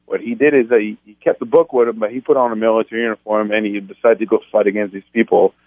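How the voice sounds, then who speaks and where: On a tinny phone line, a Frenchman in his thirties tells his story earnestly as a guest in a radio phone-in interview, restarting often. His voice is on the low side and fast, with fairly even intonation and no echo.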